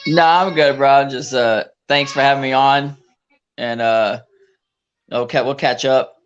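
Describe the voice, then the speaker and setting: A man's voice: mid-range voice, fairly even intonation, measured pace, clean tone. A man speaking casually as a podcast guest, heard through a dull, lo-fi recording. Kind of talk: casual chat. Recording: dull lo-fi remote-sounding audio.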